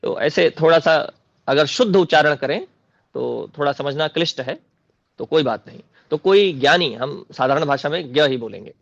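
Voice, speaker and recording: A man from North India, a spiritual teacher, gives a deliberate scripture commentary lecture and repeats Sanskrit words aloud as he explains them. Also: fairly high pitch, animated, gravelly, fairly bright tone, no room sound. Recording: dull, dry lo-fi recording.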